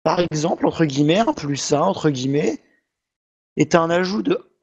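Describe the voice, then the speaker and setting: A man's voice: on the high side, expressive, normal speed, darkish tone, breathy edge, lo-fi sound. A man putting on a half-robotic voice to dictate a text aloud, reading out every punctuation mark like a machine in a comic video. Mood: grumbling. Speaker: YouTuber.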